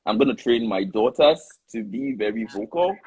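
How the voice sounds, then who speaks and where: A male host with a slightly husky voice and a lively, swooping pitch. He talks in a casual live discussion, animated, stumbling through restarts and laughing often. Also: moderate pace, poor audio.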